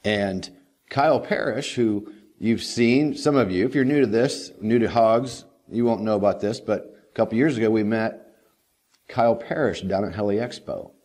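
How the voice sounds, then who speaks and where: Middle-aged male host, low-set voice, folksy and rambling, casual to-camera chat. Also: moderate pace, darkish tone. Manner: folksy and rambling, with frequent "you know". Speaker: host of a daily helicopter training video series. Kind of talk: casual talking-head monologue.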